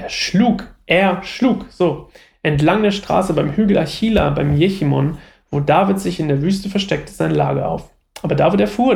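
A man's voice: on the high side, creaky, darkish tone, roomy sound. A man reading a Bible story aloud and adding informal asides, with frequent fillers and self-corrections. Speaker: Bible reader and teacher. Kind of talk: Bible reading with casual commentary.

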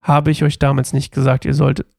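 A man voicing a reproachful eldest brother, read slowly in a gravelly voice. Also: mid-range voice, monotone, a little mellow, no echo, studio quality.

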